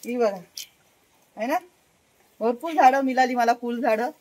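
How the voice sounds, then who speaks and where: A woman's voice: on the high side, a little slow, a little mellow, no room sound, poor audio. A woman with a Konkan Marathi accent, casually showing viewers around a village garden outdoors and constantly urging them to look. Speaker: vlogger. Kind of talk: casual walk-and-show garden vlog.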